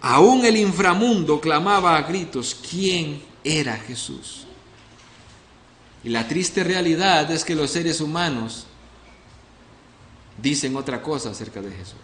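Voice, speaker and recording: A man's voice: fairly high pitch, animated, takes it slowly, pauses often, a bit bright, echoey room, slight background noise. A male pastor preaching an expository sermon, earnestly questioning the congregation. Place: church.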